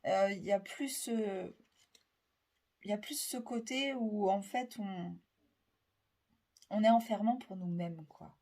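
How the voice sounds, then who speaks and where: A woman's voice: medium pitch, slow, pauses often, a little mellow. A French-accented woman giving a casual weekly tarot reading, rambling and hesitant with many fillers. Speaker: tarot reader.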